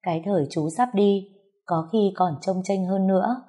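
A woman narrating a romance story in a measured, emotional reading. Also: medium pitch, warm tone.

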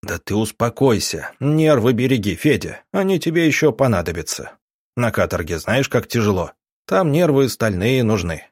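A man voicing a gruff police chief who barks harsh, mocking threats at a prisoner. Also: mid-range voice, very animated, moderate pace, no echo, studio quality. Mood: threatening. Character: gruff male police chief, menacing interrogator.

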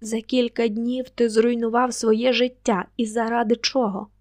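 Woman reading as a jealous young woman, teary, reproachful, flat-ish voice. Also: a little high, measured pace. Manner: reproachful, quiet.

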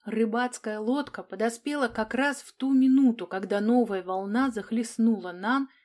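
A woman narrating an audiobook in an expressive, dramatic reading style. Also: fairly high pitch, normal speed.

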